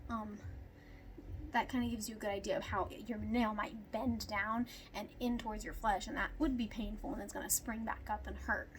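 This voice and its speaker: A woman's voice: medium pitch, little pitch movement, normal speed, a little hiss or hum. A young woman at home explaining how to trim a large dog's nails, chatty and out of breath, with many ums. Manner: chatty, lots of ums, talks to her dogs. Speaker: dog groomer demonstrating nail care. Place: at home with dogs.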